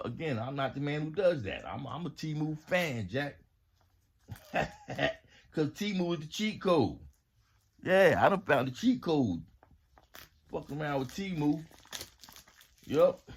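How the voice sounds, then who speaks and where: A man's voice: on the high side, big pitch swings, unhurried, vocal fry, pauses often, breathy edge. A man casually showing off home products in a haul video, talking to his viewers in a laid-back, slangy way. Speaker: vlogger reviewing home products.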